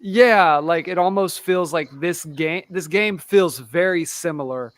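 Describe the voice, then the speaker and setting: A man on a sports podcast panel, breaking down players and games in animated casual chat. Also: fairly high pitch, unhurried, dry recording.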